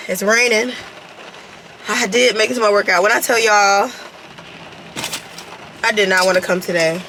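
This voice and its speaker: Late-20s woman vlogger, chatty and drowsy, mid-pitched, rain noise in the recording. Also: pushed and bright. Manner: chatty, sleepy, addresses viewers as y'all. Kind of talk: casual vlog chat. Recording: noisy background with rain.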